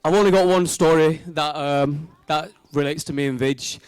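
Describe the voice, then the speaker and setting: A man delivers an informal wedding speech in a smooth, clear voice with very little echo. He sounds sincere and slightly hesitant, like a brother addressing family and friends. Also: on the high side, fairly even intonation, normal speed.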